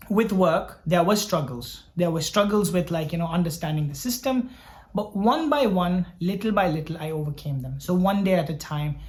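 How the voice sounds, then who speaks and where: A young man from Sri Lanka, a doctor, telling his story in an earnest, reflective way, often repeating words as he thinks aloud. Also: high-pitched. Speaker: doctor vlogger. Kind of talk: personal storytelling vlog.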